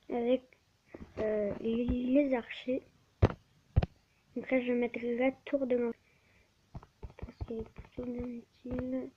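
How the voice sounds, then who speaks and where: A woman giving live gameplay commentary on her channel, often stammering and restarting words, recorded on a tablet mic. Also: on the high side. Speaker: gaming channel host. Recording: dull lo-fi with faint hiss.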